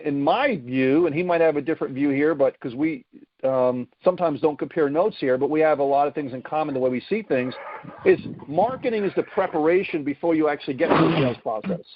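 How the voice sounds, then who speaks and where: A man's voice: fairly high pitch, no room sound. A man teaching an online sales lesson, driving points home with frequent "right?" and "okay?" checks. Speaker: sales coach. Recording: dull lo-fi dry sound.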